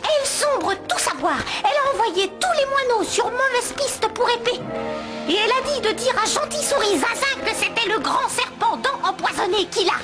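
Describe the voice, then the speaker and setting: A woman voicing an excitable, loyal sparrow in a cartoon dub, speaking in broken, childlike grammar. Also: very high-pitched, normal speed, over loud music. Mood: excited, earnest. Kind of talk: animated series dub.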